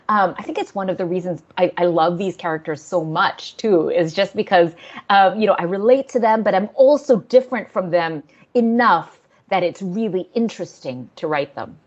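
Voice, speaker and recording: A woman's voice: mid-range voice, fairly quick. Give me a thoughtful woman novelist from Singapore on a dull, lo-fi remote call. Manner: thoughtful, laughs often, many fillers. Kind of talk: conversational interview.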